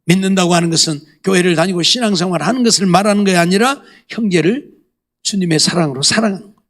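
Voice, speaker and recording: A man's voice: sits high, fast talker, fairly bright tone. A middle-aged male pastor preaching a sermon, emphatic and scolding, firing off rhetorical questions to the congregation.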